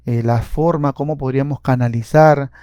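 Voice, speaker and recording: A clinical psychologist giving a seminar lecture explains things step by step, his mid-range voice steady, mellow and moderately paced. He uses frequent "eh" fillers and repeats words. The recording is studio quality with no room sound.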